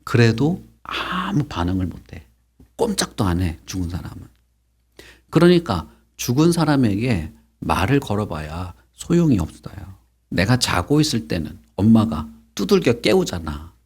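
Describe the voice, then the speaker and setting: Animated husky man teaching children. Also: lowish voice, moderate pace. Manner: animated, acts out quotes, asks children questions. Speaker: pastor teaching Sunday school. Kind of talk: children's sermon storytelling.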